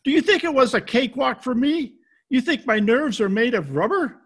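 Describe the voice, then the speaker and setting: A man's voice: very high-pitched, lively intonation, normal speed, fairly bright tone, slightly rough, exaggerated voice. A man playing a tough, sardonic private detective in old-time radio drama style, recorded at home over a video call. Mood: agitated, commanding. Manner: hard-boiled, sardonic. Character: tough, wisecracking male private detective, impatient with sentiment.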